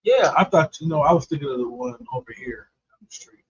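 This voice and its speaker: Man, co-host, casual comic chat, laughs along, fairly high voice, dull stream audio. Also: expressive, a little fast, husky. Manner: chatty, laughs along, chimes in with side comments.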